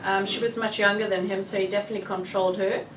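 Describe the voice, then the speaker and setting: A woman's voice: medium pitch, quick pace. Frank South African woman in a room. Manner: frank and animated. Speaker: author. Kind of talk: candid book launch discussion. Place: bookshop event room. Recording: roomy, distant, with faint room noise.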